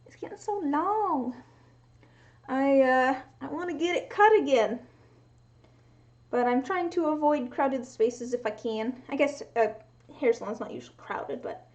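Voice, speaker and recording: High-voiced woman in casual livestream chat. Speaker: craft streamer. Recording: dull lo-fi stream audio.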